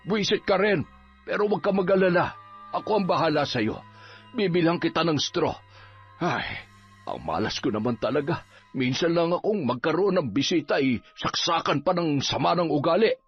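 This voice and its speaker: A man voicing a grumbling, teasing middle-aged village folk healer, gruff and nagging with comic moments. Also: on the high side, lively intonation, normal speed. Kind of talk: Filipino audio drama acting. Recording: dull lo-fi with faint music.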